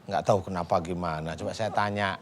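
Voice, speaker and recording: A man who is an ustad, counseling a woman and then reciting prayers at a measured, steady pace. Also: sits low, slight background noise.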